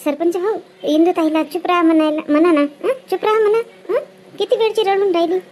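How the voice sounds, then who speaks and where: A woman, acting a chatty village woman at a wedding in a comedy skit, brisk and bossy, tagging her lines with questioning hums. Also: extremely high pitch, steady tone, a little mellow, slight background noise. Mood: fussing.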